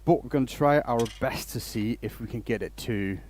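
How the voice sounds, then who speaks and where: A man's voice: medium pitch, normal speed, a little mellow. A man from Denmark hosting a casual woodturning livestream, rambling and restarting his sentences as he greets viewers. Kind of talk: casual live-stream chat while working.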